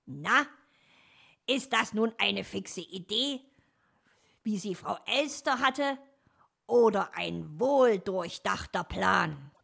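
A woman's voice: mid-range voice, expressive, slow pace, gravelly, fairly bright tone, husky, voice pushed up, full character voice. A woman voicing a sly male fox in a storybook, scheming and pleased with his own plans.

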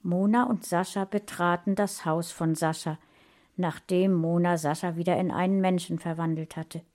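A woman reading a fantasy story aloud in an even storytelling manner. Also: fairly low pitch, normal speed. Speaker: audiobook reader.

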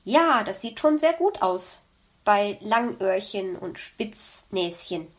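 A woman voicing a patient, kindly male character teaching children in an audiobook, coaxing and gentle. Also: medium pitch, sing-song, takes it slowly. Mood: coaching. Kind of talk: audiobook reading.

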